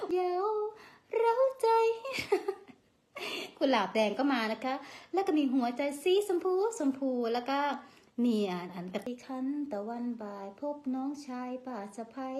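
A woman with an Isan accent chats on a casual live stream, thanking viewers after reading their comments aloud and referring to herself by name in the third person. Her voice is fairly high and a little mellow.

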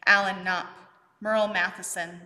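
A middle-aged woman pastor leading worship in a church sanctuary, reading the creed and prayers in a measured, solemn way with her arms raised. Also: mid-range voice, little pitch movement, bright, forceful tone, big-room sound. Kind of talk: leading liturgy and intercessory prayer. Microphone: fixed camera at mid distance.

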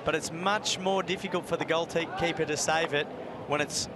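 A man's voice: on the high side, fairly even intonation, normal speed. A man giving explanatory sports analysis as an expert commentator. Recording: loud crowd and stadium noise.

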